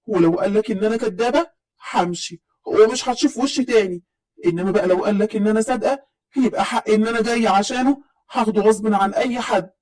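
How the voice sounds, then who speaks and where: A woman acting out a proud young woman from Upper Egypt in a spoken story. She answers back sharply and defiantly, with an Upper Egyptian accent, in a quick delivery. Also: mid-range voice, a little mellow, natural voice, low-quality recording.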